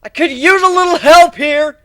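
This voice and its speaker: A man's voice: extremely high pitch, normal speed, pushed and bright, no echo, voice pushed up. A man voicing a bold, battle-hardened griffin fighter who barks orders in a fantasy story reading. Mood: battle fury.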